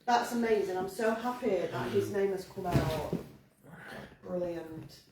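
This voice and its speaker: A woman leading a ghost hunt, gently coaxing spirits to speak in a cellar. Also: lowish voice, unhurried, noisy background. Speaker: paranormal investigator. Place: pub cellar. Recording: very echoey room from far off.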